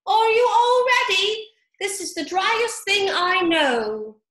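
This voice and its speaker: A woman voicing a pompous, self-important male mouse who lectures slowly in a squeaky, lofty voice. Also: lively intonation, fairly bright tone, full character voice. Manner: slow, lofty, high and squeaky. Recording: echoey room.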